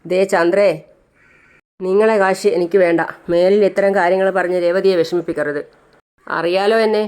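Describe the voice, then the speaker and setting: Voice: mid-range voice, steady tone, normal speed, a little mellow, natural voice. A stern middle-aged father who runs the household, as a storyteller puts him on. He speaks in a firm, commanding tone, close to an everyday talking voice.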